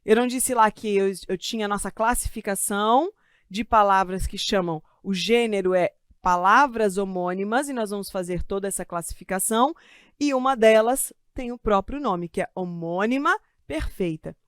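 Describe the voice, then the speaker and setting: A Brazilian woman teaching Portuguese grammar in an online exam-prep class. She talks in a chatty, joking way and draws out key words slowly to stress them. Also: medium pitch, smooth, no room sound, studio quality. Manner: lively, stretches key words slowly for emphasis; chatty asides and self-joking humor. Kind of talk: live online grammar lesson. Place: studio with a desk of computers.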